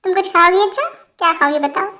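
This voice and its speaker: A woman's voice: extremely high pitch, quick pace, pushed and bright, voice pushed up. A woman voicing a doting middle-aged mother who scolds lightly and fondly.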